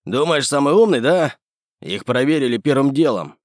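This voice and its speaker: A male audiobook reader voicing a gruff, bullying middle-aged businessman. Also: medium pitch, expressive, moderate pace, dry recording, clean studio sound, voice pushed up, close to an everyday voice. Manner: sneering, bullying.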